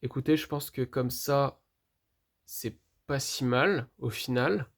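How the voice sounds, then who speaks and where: A vlogger unboxing a toy figure in a casual, hesitant way, thinking aloud, talking straight to viewers and filling pauses with hesitations. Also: mid-range voice. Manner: hesitant, puzzled, fills pauses with "euh" and "du coup".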